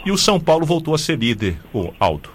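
Brazilian man, radio sports host, brisk delivery, animated intonation, faint hiss behind. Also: on the high side. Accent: Brazilian Portuguese. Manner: brisk, reads scores and standings.

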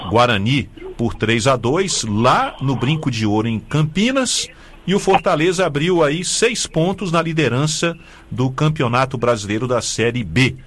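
A man with a Brazilian Portuguese accent hosting a radio sports show, briskly running through results and standings. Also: mid-range voice, big pitch swings, fairly bright tone, slight background noise. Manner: brisk, reads scores and standings.

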